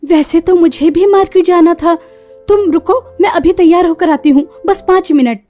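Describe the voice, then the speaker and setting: A woman voicing a kind, humble poor young daughter-in-law in a cartoon story, gentle and eager. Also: very high-pitched, moderate pace, faint music behind.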